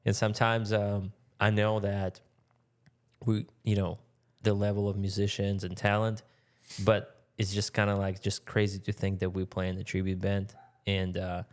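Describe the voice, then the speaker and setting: A man with a Russian accent hosts a relaxed interview, his voice sitting deep and low. He thinks aloud, pausing on fillers as he gathers his words. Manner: musing, halting phrasing with frequent fillers. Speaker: podcast host. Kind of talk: casual interview chat.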